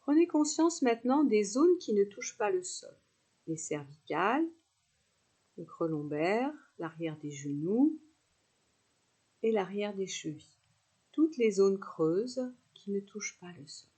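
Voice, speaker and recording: With a warm, husky voice of medium pitch and a sing-song lilt, a woman teaches yoga nidra. She leads the guided relaxation with soothing, unhurried instructions and pauses between phrases.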